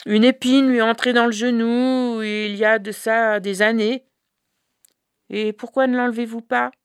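A woman's voice: a little high, fairly even intonation, a little slow, clean tone, dry recording, clean studio sound, voice pushed up. A woman voicing a scornful, dismissive wife in a folk tale. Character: scornful peasant wife of the sick man.

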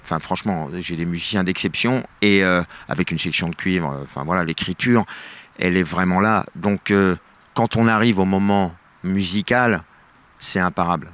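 A middle-aged man with a low voice talks about his stage show in a radio interview. He stumbles, restarts and fills gaps with hesitation sounds while he searches for his words. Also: normal speed, a bit bright. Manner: hesitant, many fillers and restarts. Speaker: stage actor and bandleader, interview guest.

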